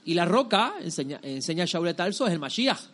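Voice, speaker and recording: A man's voice: high voice, big pitch swings, a little fast, a bit bright. A man giving a sermon-like religious lesson to a group, emphatic and didactic, often repeating phrases and asking rhetorical questions. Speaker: religious teacher.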